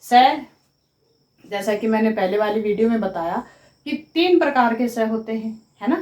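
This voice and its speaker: A woman teaching grammar in a slow, deliberate way. She repeats each sound for pronunciation and checks with her students that they follow. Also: on the high side, darkish tone, reverberant, low-quality recording. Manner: addresses viewers as students, checking understanding. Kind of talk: classroom-style explanation at a board.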